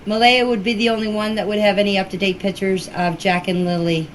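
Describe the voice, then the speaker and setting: This amateur, low-quality clip with a little hiss or hum features a grandmother speaking fairly quickly in a flat, medium-pitched voice. As a relative in a missing children case, she answers questions informally, plainly, insistently and repetitively.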